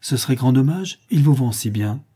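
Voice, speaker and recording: A man's voice: medium pitch, moderate pace, dark tone, slightly rough, lightly acted. A man reading aloud and voicing a proud young aristocratic girl who speaks in a mocking, theatrical tone.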